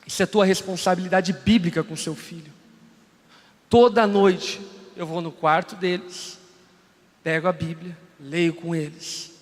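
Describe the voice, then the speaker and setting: High-voiced Brazilian preacher in a reverberant hall. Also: male voice, fairly bright tone. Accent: Brazilian Portuguese. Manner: storytelling preacher, acts out dialogue. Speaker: pastor. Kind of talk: sermon. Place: large church hall.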